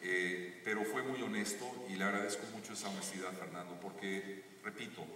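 An earnest man tells a story on a theater stage and builds to emphatic high points. His lowish voice comes out bright and forceful through the house speakers. It is caught from far back in the seats, with a long, roomy echo and a faint hiss. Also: fairly even intonation, brisk. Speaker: guest speaker on a live stage talk. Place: large theater stage with audience. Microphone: stage PA, recorded from the audience seats. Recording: echoey theater audio from far off.

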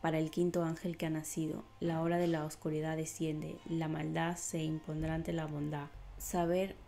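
A somber armored knight speaks in a dark, mellow tone, unhurried and without much rise or fall. A woman reading a comic aloud gives him this voice. Faint music plays underneath. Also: low voice, level tone, gravelly. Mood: solemn.

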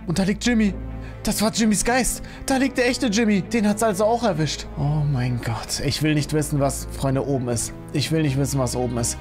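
A man giving scared, jumpy commentary on a horror-themed game, swinging between high panicked yells and low fearful muttering while talking to his viewers. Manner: keeps talking to viewers as friends. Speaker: gaming YouTuber.

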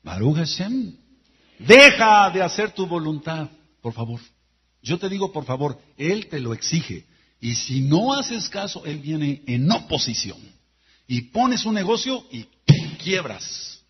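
Husky guy preaching slow and forceful, kinda high voice. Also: very animated, muffled recording. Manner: forceful preaching, swings from low intense murmurs to shouted praise. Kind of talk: sermon.

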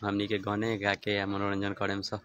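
A man with a Bhojpuri accent, a singer and songwriter hosting a casual live stream. He speaks softly and easily, greeting his viewers by name and chuckling often. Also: fairly low pitch, moderate pace, highs cut off, very noisy. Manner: soft-spoken, relaxed, chuckles often.

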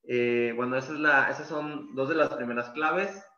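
A man's voice: mid-range voice, steady tone, normal speed, sharp tone. A man who coaches calisthenics, explaining in a loose, casual way full of "pues" and repeated words. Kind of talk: masterclass explanation. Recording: echoey room, dull lo-fi sound.

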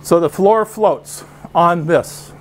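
A man's voice: high-pitched, takes it slowly, a little hiss or hum. A man guiding a tour through a film factory, explaining things in a friendly way. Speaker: factory guide. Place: factory floor.

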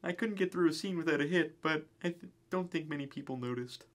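A man's voice: a little high, fast, fairly bright tone, close to an everyday voice. A man playing a bitter, self-pitying celebrity frog in a mock documentary interview, theatrical and aggrieved. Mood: bitter, confiding.

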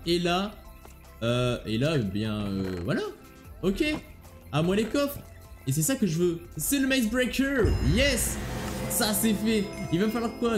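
A man's voice: sits high, a little mellow. A man hosting a gaming video, chatting casually to viewers as he plays and playfully taunting the monsters he fights. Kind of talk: casual gameplay commentary.

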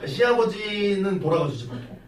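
A man's voice: high voice, very animated, normal speed, a crowd in the background. A male math teacher lecturing a class, breaking off to tell jokey stories. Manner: jokey storyteller, acts out drama scenes. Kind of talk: classroom lecture with joking asides. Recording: echoey classroom from far off.

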